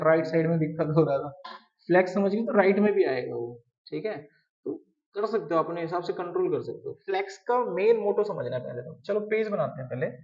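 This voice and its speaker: A man's voice: fairly high pitch, a little mellow. A man teaching web design step by step in a conversational tone, often asking his students questions. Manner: conversational, asks the class questions. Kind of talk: live coding tutorial. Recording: distant mic, dull lo-fi sound.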